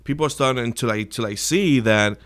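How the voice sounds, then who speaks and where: An earnest man in his thirties from the Dominican Republic talks through his work as a guest on a studio podcast. He speaks close to a desk microphone at a middle pitch, often restarting his sentences as he explains. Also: fairly quick, a bit bright. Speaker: real estate agent, guest. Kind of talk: podcast interview. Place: small studio with wood-panel wall. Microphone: desk mic on stand.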